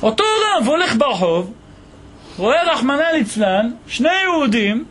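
A man teaching a Torah lesson as a rabbi, telling a story with animated voices for its characters. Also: very high voice, a little hiss or hum. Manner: animated storytelling, voicing the people in the tale.

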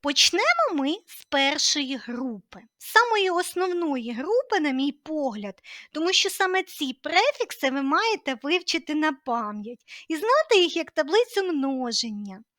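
High, lively woman teaching a language lesson. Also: unhurried, no echo, clean studio sound. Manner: clear, patient explaining with lively emphasis.

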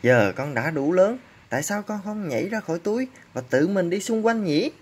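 Storybook mother kangaroo, played by a woman: caring, coaxing, husky, animated, read for toddlers. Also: fairly low pitch, normal speed. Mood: gentle urging.

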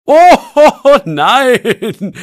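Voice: animated, takes it slowly, fairly bright tone, no echo. Older man, hearty laugh, firm narrator-voiced, dry mic. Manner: hearty booming laughter, chuckling while talking. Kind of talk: audiobook role voice.

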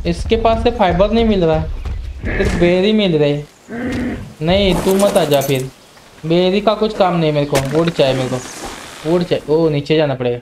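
A young man with a voice on the high side hosts a gaming channel, offering casual gameplay commentary. He's excited and lets out sudden panicked yelps whenever he's attacked, with slight background noise audible.

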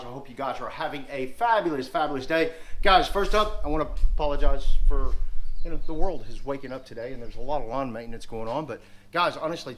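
Speaking from the driveway outside his open garage, this car repair channel host is a man in his forties with a mid-range, fairly bright voice. He chats casually, leaning on "honestly" and "guys" a lot, over slight background noise.

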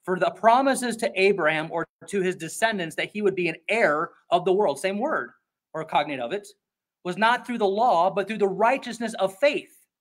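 A male pastor preaching an expository sermon in a conversational, emphatic way, often slipping into quick acted-out voices. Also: sits high.

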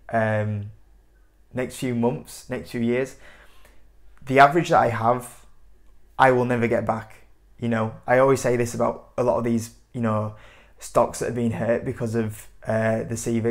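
Chatty young man talking stocks. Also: medium pitch. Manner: rambling, repeats "you know" and "like I say", gestures a lot. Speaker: investing channel host. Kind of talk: casual stock commentary to camera. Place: indoor room in front of a whiteboard.

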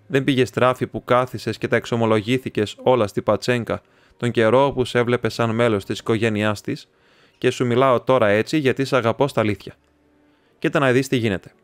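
A man reading the part of a talkative, excitable young male student who rambles, chats and teases his friend. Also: medium pitch, clean tone, no echo, lightly acted. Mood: chatty. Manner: rambling, chatty, teasing.

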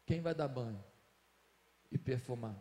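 A pastor, preaching a sermon as a dramatic storyteller who swings from hushed lines to shouting. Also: male voice, medium pitch, lively intonation, unhurried. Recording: echoey hall.

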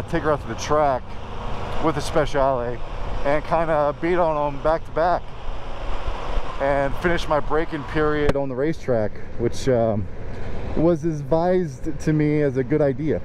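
A man talks on a helmet mic as he rides, his voice sitting a bit high for a guy. He is excited and easygoing and swears freely. Clear wind and road noise run under everything he says. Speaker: motorcycle vlogger. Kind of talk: casual chat while riding. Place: on a motorcycle on city roads and highway, outdoors.

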